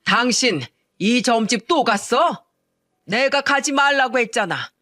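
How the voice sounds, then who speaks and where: A woman voicing a stern older father-in-law in a spoken story, slow, loud and commanding. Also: on the high side, animated, no echo, studio quality, voice pushed up. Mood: angry.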